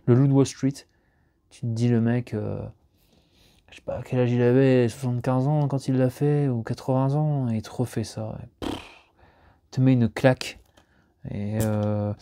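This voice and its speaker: A man chatting casually while unboxing discs at home, rambling with many fillers and restarts, and jumping up in pitch when he gets excited. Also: dry recording.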